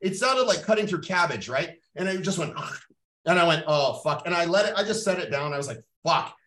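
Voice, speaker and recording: A blunt, foul-mouthed middle-aged man from Canada gives a motivational talk with a coaching edge. His voice sits a little higher than most men's. It comes from some distance off the mic, and the room rings around him. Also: animated, quick pace, a bit bright. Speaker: podcast host. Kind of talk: motivational monologue. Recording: roomy sound, mic at a distance.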